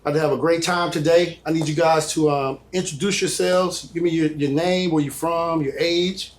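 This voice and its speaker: A man's voice: on the high side, steady tone, moderate pace. A man hosting a panel discussion, asking questions in a loose way and often saying "like" and "just". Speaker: panel host.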